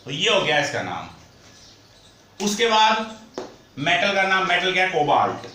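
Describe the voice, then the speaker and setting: Male chemistry teacher, bright and slightly high voice, drills terms by repeating them; roomy, distant mic. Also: big pitch swings, a little hiss or hum. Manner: repeats key terms slowly, asks the class questions. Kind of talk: whiteboard chemistry lesson. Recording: echoey room, voice from off-mic.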